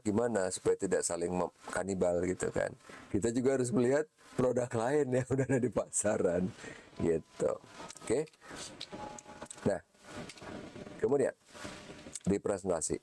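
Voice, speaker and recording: A male lecturer talks casually through an online class, loose and conversational, dropping in English words now and then. His voice sits low and dark, with a faint hiss of noise behind it. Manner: relaxed, chatty, mixing in English words. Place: home setting, online class.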